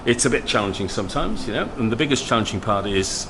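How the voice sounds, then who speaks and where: Chatty fast-talking male interviewer. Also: fairly low pitch, expressive, noisy background. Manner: chatty, rambling, with frequent "okay?" and "you know". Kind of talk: casual panel interview.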